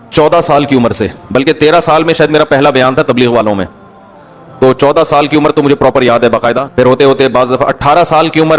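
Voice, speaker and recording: A man giving a religious talk as a cleric, emphatic and impassioned, often scolding his listeners. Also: medium pitch. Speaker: Islamic cleric.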